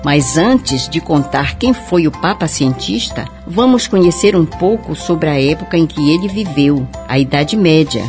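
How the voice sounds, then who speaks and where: A woman playing a kindly old grandmother who tells scripted stories to children, with drawn-out singsong phrase endings. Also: low-pitched, lively intonation, over music. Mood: cheerful, teaching.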